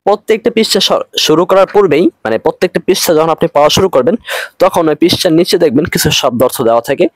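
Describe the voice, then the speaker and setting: Patient and repetitive, a fairly high-voiced man with a Bangladeshi Bengali accent leads an online Arabic grammar lesson, easing his pace whenever he says an Arabic phrase. The recording is dry.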